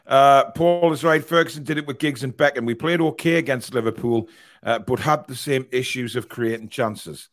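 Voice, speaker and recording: A man with a hoarse, raspy, strained voice, pushing it to be heard as he hosts a live football panel debate. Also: medium pitch, moderate pace. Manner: raising the voice to get sound out. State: hoarse, strained voice from a worn-out throat. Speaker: host of a football fan debate show.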